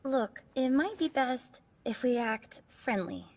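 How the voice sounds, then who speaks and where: A woman's voice: a little high, expressive, slow pace, darkish tone. A woman playing a vain, prickly but secretly kind teenage girl in an anime dub, with a self-assured, brusque manner. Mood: self-satisfied.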